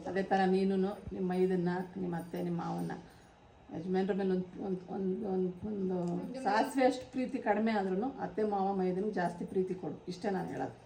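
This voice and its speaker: A woman's voice: medium pitch, steady tone, fast talker, creaky. A middle-aged woman, the bride's aunt, giving earnest, repetitive marriage advice in a lecturing tone. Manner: earnest, repeats herself, lecturing tone. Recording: echoey room with loud crowd. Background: wedding guests chatting.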